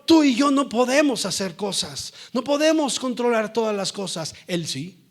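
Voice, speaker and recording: A male pastor delivers a lively sermon in church. His voice sits high for a man, and he keeps turning to the congregation for amens and agreement. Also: moderate pace.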